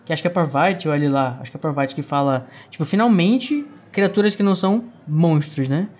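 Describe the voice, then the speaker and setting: A man's voice: a little high, brisk, darkish tone. A man co-hosting a casual book-club podcast, chatty and full of little tag questions. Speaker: podcast co-host.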